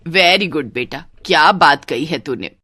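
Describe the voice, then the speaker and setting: Woman plays a bossy cartoon mother-in-law, lower voice, drawn-out scolding lines, dry. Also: lively intonation, pushed and bright, no echo, full character voice. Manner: nagging, slow and commanding. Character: stern scolding middle-aged mother-in-law. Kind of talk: cartoon story voice acting.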